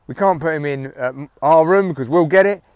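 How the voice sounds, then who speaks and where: A middle-aged British man with a slightly higher-pitched voice rambles in a casual, wry, sweary way. He records outdoors while walking, using his headphones as a microphone close to his neck, so the sound is dry with no echo. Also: a little fast. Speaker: podcast host and comedian. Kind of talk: casual solo chat, rambling audio diary. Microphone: headphone mic near the neck.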